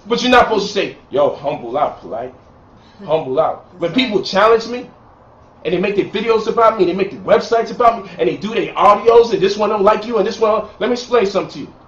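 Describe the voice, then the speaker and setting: A man's voice: sits high, fast talker, fairly bright tone. A man from Brooklyn, a lecturer and author, talking heatedly and boastfully in a sit-down interview with a preacher-like cadence. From Brooklyn, New York. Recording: roomy, distant, muffled recording.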